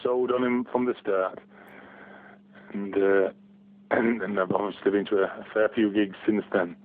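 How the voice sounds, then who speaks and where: Heard over a narrow, tinny telephone line with heavy filtering, this guest fan is a Barnsley man in his 40s. His fairly low voice holds a steady tone at a measured pace, though his answers in the casual phone interview are hesitant and full of ums and restarts.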